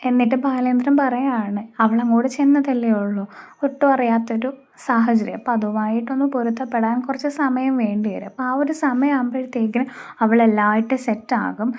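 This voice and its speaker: A woman's voice: fairly high pitch, dull audio. Chatty Malayali woman recapping a serial. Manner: chatty, retells the characters' lines in her own voice. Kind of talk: casual retelling of a TV serial episode.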